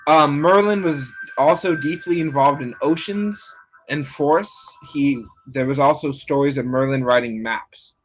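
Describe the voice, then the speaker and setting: A man's voice: on the high side, a little slow, poor audio. A man giving a casual, rambling live-stream reading, talking to his viewers by name. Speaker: online rune reader.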